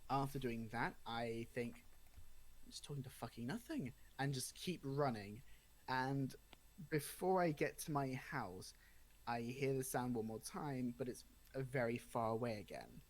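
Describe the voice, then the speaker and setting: A man's voice: medium pitch, a little slow, rough recording. A young adult man casually telling a spooky personal story, acting out the dialogue as he goes. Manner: animated retelling with acted-out dialogue.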